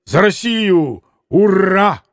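A man's voice: high voice, expressive, takes it slowly, no room sound, clean studio sound. A man reading aloud as an impulsive young man, exclaiming eagerly. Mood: excited. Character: impulsive excitable young man toasting loudly.

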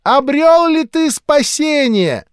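A man voicing a fervent old street preacher woman in an audiobook, loud and drawn-out in a preaching manner. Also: very high voice, lively intonation, no room sound, studio quality, voice pushed up, exaggerated voice. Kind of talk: audiobook reading.

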